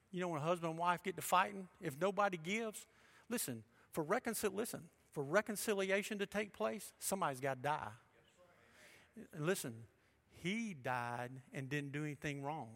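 Pastor guy preaching, bright ringing voice, a bit high, goes loud then quiet. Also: lively intonation, normal speed, gravelly. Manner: emphatic, swings between loud and hushed. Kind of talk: sermon.

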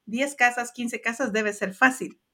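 A woman's voice: on the high side, steady tone, a little slow, pushed and bright. A woman hosting a podcast, interviewing her guest and reflecting on his stories with affirming remarks. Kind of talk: conversational interview.

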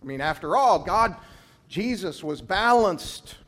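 Emphatic, fairly high-voiced male speaker. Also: expressive, unhurried. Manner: emphatic storytelling, big swings in pitch and loudness; drops low and quiet to land key points. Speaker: former gymnastics coach, speaker.

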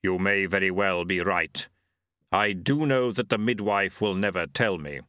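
A man voicing Death, a grave skeletal figure who speaks slowly and deliberately. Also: bright, forceful tone, dry recording, studio quality. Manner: deep, slow, measured. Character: Death, a grave, slow-spoken male skeleton.

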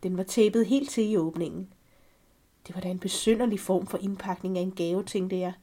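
A woman reading a first-person story aloud for a podcast, calm and measured. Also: mid-range voice. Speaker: podcast reader.

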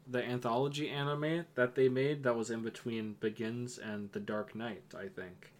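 A young man co-hosting a casual podcast chat, rambling with lots of "um" and "yeah" and making deadpan jokes. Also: mid-range voice, normal speed. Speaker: podcast co-host.

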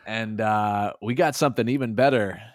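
A man's voice: on the low side, moderate pace, no echo, clean studio sound. A man co-hosting a podcast in casual chat, telling stories in a joking, mock-dramatic way. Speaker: podcast co-host.

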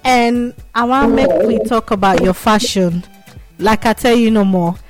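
A woman with a Nigerian accent hosting a casual interview, chatty and quick to laugh, mixing Pidgin phrases into her English. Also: on the high side, soft background music. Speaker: interview host.

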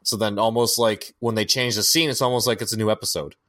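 A man's voice: lowish voice, steady tone, fast, bright, forceful tone. Man, casual podcast chat, rambling, lots of "like", swears casually. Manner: rambling, many fillers and restarts, swears casually; firearms-nerd critiques. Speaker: podcast co-host.

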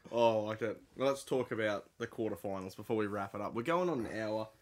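A man's voice: lowish voice, a little fast. An Australian man co-hosting a podcast, bantering casually with a friend in a blokey, sweary, teasing way. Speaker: podcast co-host.

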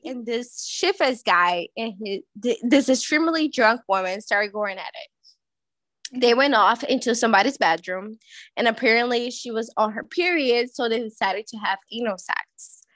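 High, lively tipsy woman telling stories. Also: moderate pace, no echo. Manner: crude, giggly storytelling with apologies and restarts. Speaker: podcast co-host. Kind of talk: casual chat.

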